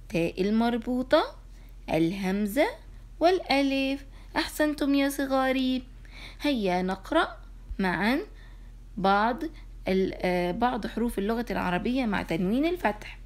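A woman teaching kindergarten children in an online lesson, encouraging and asking questions, answering them herself and drawing out syllables slowly. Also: high-pitched. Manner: slow, drawn-out syllables when sounding out words. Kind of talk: e-learning lesson for young children.

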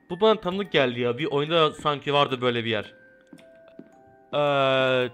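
A man hosting a let's play, excitable and yelling as he runs from danger, his throat sore from the shouting. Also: fairly high pitch. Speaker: gaming channel host. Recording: game music playing loud behind.

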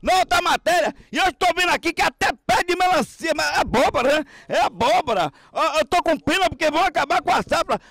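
Guy in his 50s yelling into a handheld mic outside, super high bright voice, dry sound. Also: quick pace, vocal fry, hardly any pauses, no room sound. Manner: excitable, shouting, preacher-like exclamations. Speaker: street reporter and host. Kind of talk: loud street reporting. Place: outdoors at a street market construction site.

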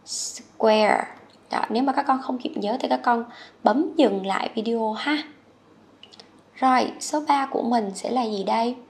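Woman from Vietnam, kids' English teacher, slightly high, gravelly, patient drilling. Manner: patient, coaxing, drills words slowly and repeats them. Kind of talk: children's vocabulary lesson. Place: HCMC.

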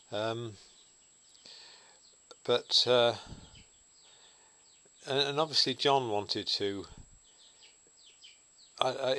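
A man's voice: fairly low pitch, fairly bright tone, a little hiss or hum. A man vlogging a reflective solo monologue, musing thoughtfully to the camera.

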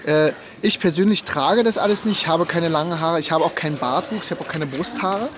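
A man's voice: fairly high pitch, a little fast, background noise. A man nearly thirty in a behind-the-scenes interview, earnest and rambling with dry humor. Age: young adult. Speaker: actor in an interview. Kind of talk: making-of interview.

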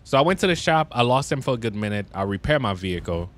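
A man's voice: medium pitch, fast, slight background noise. A man streaming a roleplay game, chatting casually with friends over voice chat and laughing often. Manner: excitable, laughs often, recounts the chase.

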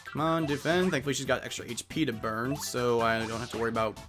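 A young let's play host gives chatty, wry commentary as he plays, reading the on-screen text aloud in put-on voices. His voice is medium-pitched and fast, with faint game music in the background.

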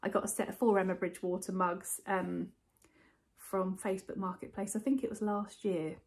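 A woman's voice: medium pitch, little pitch movement, moderate pace, darkish tone. A woman in her forties, from England, chatting in a casual vlog and gushing over what she shows, filmed on a phone at arm's length. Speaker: vlogger. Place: indoors at home, in a car, walking through a rental house. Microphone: phone camera held at arm's length.

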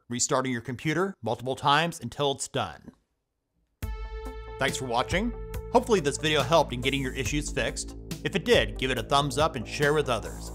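Man narrating a step-by-step tech tutorial. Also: mid-range voice. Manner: steady step-by-step instructing. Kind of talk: scripted screen-recording voice-over.

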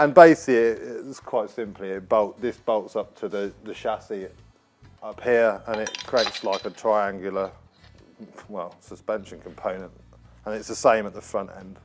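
Mechanic, lowish voice, chatty and casual, workshop, faint music. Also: male voice, darkish tone. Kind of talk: explaining in a workshop. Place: car workshop indoors.

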